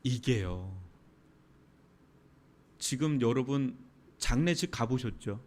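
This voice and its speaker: A male pastor delivering a Friday night sermon, with dramatic swings from soft, drawn-out phrases to sudden loud outbursts. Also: mid-range voice, lively intonation.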